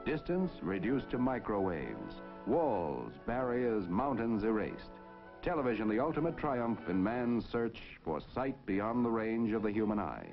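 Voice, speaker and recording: A man's voice: fairly low pitch, big pitch swings, a little slow, creaky. A man narrating a 1950s television broadcast in a stately, declamatory announcer delivery. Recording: dull lo-fi 1950s film soundtrack with music.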